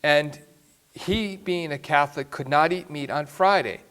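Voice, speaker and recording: A man's voice: a little high, unhurried, a bit bright, smooth. A man, a priest, telling a story in a sermon with an emphatic way of speaking.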